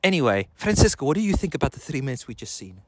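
In a sing-song, very fast delivery with a mid-range voice, the middle-aged South African man, accent and all, rambles through a casual recorded video message. He uses profanity and jokes at his own expense, captured on a handheld recorder.

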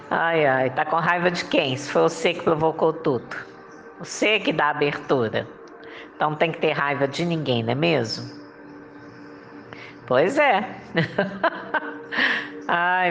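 A woman's voice: sits low, vocal fry, slight background noise. A woman giving a motivational monologue, coaxing listeners with rhetorical questions and frequent laughs. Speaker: motivational speaker.

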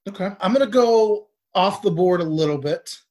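A man's voice: sits high, lively intonation, moderate pace, a little mellow. A man co-hosting a podcast in casual comedic banter, opinionated and teasing. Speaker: podcast co-host.

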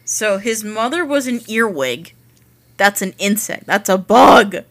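A young woman co-hosting a casual podcast, blunt and sweary, with quick wisecracks as she reads descriptions aloud. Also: medium pitch, animated, fairly bright tone. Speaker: podcast co-host. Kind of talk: casual chat.

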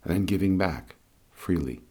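Very deep-voiced man guiding meditation, husky. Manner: calm, soothing, unhurried instruction. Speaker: guided meditation and breathing teacher. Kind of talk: guided meditation.

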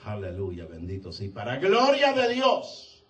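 A man preaching a fervent sermon, often shouting and breaking in with short cries of praise. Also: on the low side, wildly swooping pitch, measured pace, recorded from a distance. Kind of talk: impassioned sermon.

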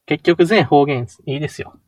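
A man's voice: a little high, moderate pace, darkish tone, no echo. Joking young Kansai man. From Kansai, Japan. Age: 20s. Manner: opinionated, joking, teasing. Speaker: podcast co-host. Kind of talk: casual podcast chat.

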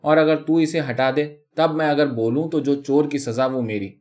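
A man's voice: steady tone, darkish tone, natural voice. A man doing a spiteful young second wife. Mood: mocking. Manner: mocking, shrill. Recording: dull lo-fi recording.

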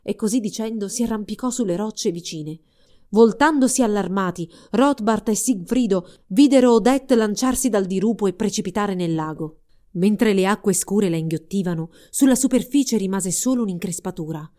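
A woman reading a fairy tale aloud in a calm, expressive storybook narration. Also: medium pitch, moderate pace.

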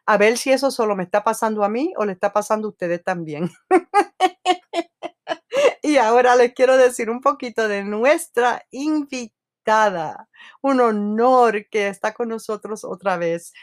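Chatty Spanglish-speaking woman host. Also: medium pitch. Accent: New York Spanglish. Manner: chatty, laughs often, code-switches into English. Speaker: podcast host. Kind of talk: casual podcast monologue.

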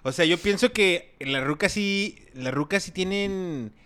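Un hombre con acento mexicano que platica de manera informal, con mucha jerga callejera y groserías. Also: male voice, high-pitched, measured pace, a bit bright, clear, resonant tone. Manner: slangy, profane street talk. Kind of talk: casual chat.

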